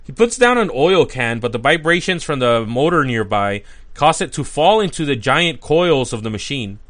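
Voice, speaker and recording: A man's voice: medium pitch, sing-song, moderate pace, fairly bright tone. Guy recapping a cartoon, super into it, lots of "like" and "uh", just chatting casually. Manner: enthusiastic and chatty, with frequent "like" and "uh" fillers. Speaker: cartoon reviewer.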